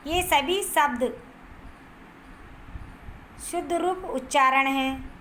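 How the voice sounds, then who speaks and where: A female teacher with a high-pitched, fairly bright voice gives a grammar lesson to first graders, repeating each word and answer slowly so they can write it down. Slight background noise is audible.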